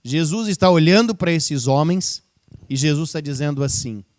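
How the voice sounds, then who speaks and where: A man's voice: on the high side, expressive, normal speed, a little mellow. A man preaching a sermon in a church, talking conversationally and asking the congregation rhetorical questions. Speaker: pastor. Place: church service, livestreamed.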